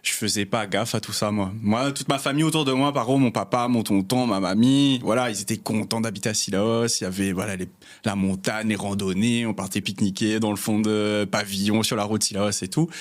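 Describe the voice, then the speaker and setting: Relaxed man. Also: on the low side, brisk. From Réunion. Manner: relaxed, many fillers, laughs easily. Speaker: guest, cartographer. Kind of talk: casual interview chat.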